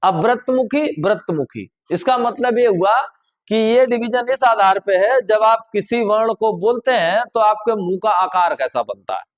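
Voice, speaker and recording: A man's voice: high voice, lively intonation, normal speed. A man teaching a grammar lesson, explaining step by step in a conversational way and asking listeners to try the sounds aloud. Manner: conversational, repeats and checks with "ठीक". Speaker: Hindi teacher.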